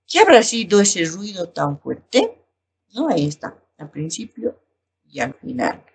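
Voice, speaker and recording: A woman teacher with a Bolivian Spanish accent talks through a lesson at a slow, explanatory pace, reading her examples aloud. Her voice is a little husky, and her pitch moves up and down a lot as she speaks. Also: a little mellow. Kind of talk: recorded class lesson.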